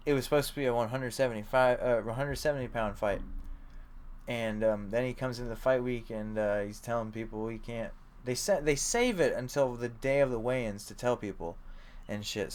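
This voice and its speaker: Casual young man rambling about fights. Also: lowish voice. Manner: rambling, filler-heavy, swears casually. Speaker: podcast co-host. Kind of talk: casual sports chat.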